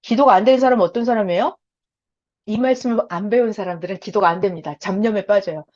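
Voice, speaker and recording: A woman preaching a sermon, animated and repetitive, acting out short prayers in a bright eager voice. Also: medium pitch, quick pace, lo-fi sound. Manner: repeats phrases for emphasis.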